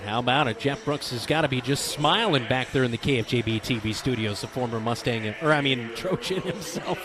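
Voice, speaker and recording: A man doing play-by-play commentary on a high school basketball game, brisk and excitable, with joking banter. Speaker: play-by-play announcer. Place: high school gym broadcast. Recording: broadcast with loud gym noise behind.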